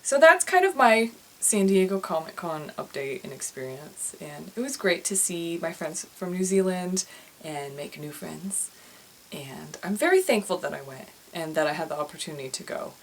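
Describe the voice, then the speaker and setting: A young woman with a slightly low voice, talking straight to camera in a loose, chatty vlog. She rambles as she thinks aloud, stumbling over restarts and doubling back on her words. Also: expressive, normal speed, a bit bright, a little hiss or hum, rough recording. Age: young adult. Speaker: author and vlogger.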